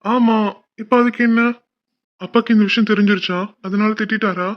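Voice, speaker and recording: A man's voice: sits high, fairly even intonation, fairly quick, natural voice. A man voicing a caring older brother in a cartoon, coaxing and reassuring his sister. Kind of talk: cartoon voice acting. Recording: dull lo-fi audio.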